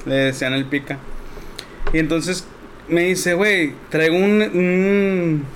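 A man's voice: a little high, fairly even intonation, takes it slowly, a little hiss or hum. A man, a podcast co-host telling a rambling, slang-filled story in casual chat.

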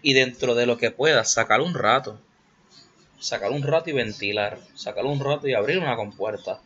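A man's voice: medium pitch, moderate pace, a bit bright, lo-fi sound. Rambling, crude-joking Puerto Rican man. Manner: rambling, crude and joking, slips English words into Spanish. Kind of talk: casual solo monologue.

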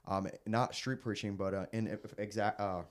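A young man preacher sharing his testimony in a casual interview, earnest and halting with frequent restarts. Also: lowish voice, fairly even intonation. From raised in the Philippines, American. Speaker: guest preacher.

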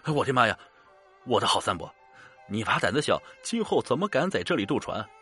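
A man's voice: medium pitch, sing-song, a little fast, sharp tone, soft background music. A man voicing a timid young ferryman who talks eagerly and pleads anxiously. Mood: frightened.

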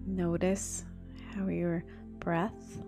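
Slow, soft-spoken woman guiding meditation over music. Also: on the low side, level tone. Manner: slow, deliberate phrases with long pauses. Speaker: health astrologer and meditation guide. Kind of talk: guided meditation.

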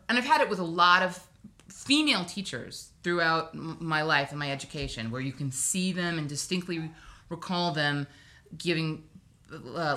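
A woman's voice: fairly low pitch, pushed and bright. A woman from Hawaii, a guest on a casual podcast, telling personal stories in a chatty, wry way with asides.

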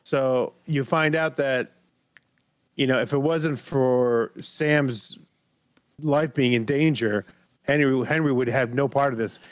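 A man's voice: medium pitch, slow pace, dry recording. A man co-hosting a casual review podcast, talking bluntly and swearing casually. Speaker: podcast co-host.

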